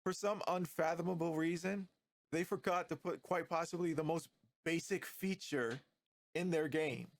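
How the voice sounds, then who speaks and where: A man with a stuffy, nasal voice from a cold, giving relaxed, slightly critical commentary on a video game. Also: a little high, moderate pace, no room sound. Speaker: gaming YouTuber.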